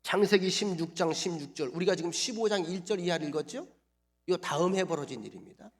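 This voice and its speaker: Male pastor, high-pitched, church sermon, hushed then forceful delivery. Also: lively intonation, fast. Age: middle-aged. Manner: swings from soft, near-whispered lines to loud emphatic declarations. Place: church sanctuary.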